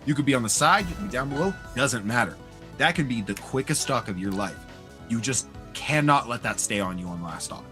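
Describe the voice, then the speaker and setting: A man giving live analytical commentary on a competitive fighting game match, with sudden excited outbursts. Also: medium pitch. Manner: analytical, talks fast in bursts, excited outbursts. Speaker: esports commentator. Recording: game music behind the voice. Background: game music.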